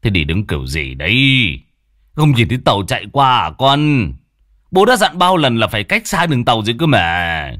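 A man voicing a gruff, hot-tempered older father who scolds loudly. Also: mid-range voice, sing-song, moderate pace, dry recording, studio quality. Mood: angry.

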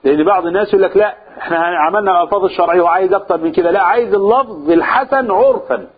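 Fast, high-voiced Egyptian man teaching. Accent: Egyptian Arabic. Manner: asks the audience questions, repeats key phrases. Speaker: religious teacher. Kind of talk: explaining a religious text to a class. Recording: tinny phone-like, husky sound.

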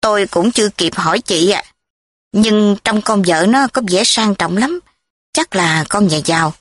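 A woman's voice: medium pitch, measured pace, no echo, lightly acted. A woman reading the lines of a talkative, rambling middle-aged aunt in a recorded story. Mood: chatty.

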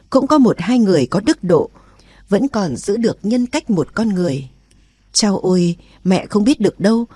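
A woman's voice: medium pitch, dark tone, dry recording, natural voice. A woman voicing a young queen who is weary of palace life, speaking in an earnest, confiding way in an audiobook.

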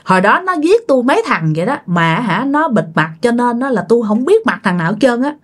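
A woman's voice: a little high, very animated, a little fast, voice pushed up. A woman with a Southern Vietnamese accent voicing the tearful, vengeful ghost of a murdered husband in a told ghost story. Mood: stubborn.

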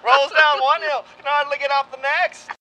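A man banters in a folksy 1940s announcer voice, peppered with dated slang. The put-on voice sits very high and sounds bright and clear, over a faint background noise. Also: little pitch movement, normal speed, poor audio. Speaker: co-host of a comedy news bit. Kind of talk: 1940s radio newscaster impression.

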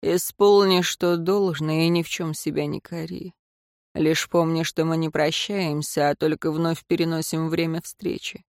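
A woman voicing a tender, joking male warrior in a fantasy audiobook, soft and hushed. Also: on the high side, level tone, measured pace, dry recording, clean studio sound.

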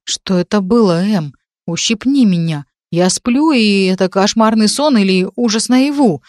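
A woman's voice: medium pitch, animated, a little slow, darkish tone, no echo, clean studio sound, close to an everyday voice. A woman reading the lines of a nervous, fretting young woman friend in a storybook. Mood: anxious.

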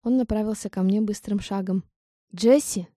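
A woman reading a first-person audiobook in an even, steady storytelling manner. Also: medium pitch, a little fast, dry recording, studio quality. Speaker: audiobook narrator.

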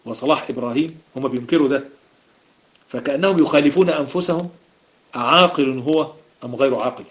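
Egyptian man, middle-aged, preacher; very rapid, animated, rhetorical questioning style. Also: mid-range voice. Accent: Egyptian Arabic. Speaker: preacher explaining Quran verses. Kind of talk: religious lesson in colloquial speech.

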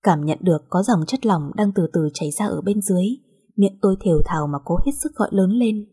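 Warm, breathy woman telling a story. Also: mid-range voice, a little fast. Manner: soft, emotional storytelling. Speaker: narrator. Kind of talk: first-person audio story narration.

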